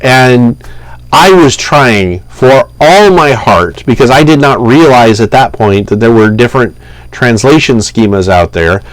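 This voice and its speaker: Middle-aged male vlogger, slow halting delivery, dry close sound, casual rambling monologue. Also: medium pitch, lively intonation, dry recording, rough recording. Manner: halting, rambling storytelling with many fillers and restarts. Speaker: vlogger translating scripture.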